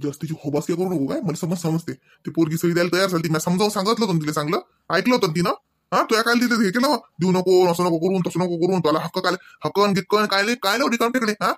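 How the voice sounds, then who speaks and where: Here the high-pitched male voice moves fast and carries a fairly bright tone, with no echo at all. It belongs to a man acting as a cranky older village husband in a Marathi comic cartoon, his accent rural Maharashtrian. Exasperated and scolding, he badgers his wife with rhetorical questions in this bit of domestic dialogue.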